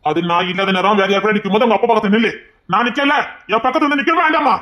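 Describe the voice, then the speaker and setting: A possessive, quick-tempered young husband from an audio serial, played by a man. His voice sits high for a man and comes out quick and sharp as he scolds. The delivery is stern and controlling. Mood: scolding. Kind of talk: audio drama acting.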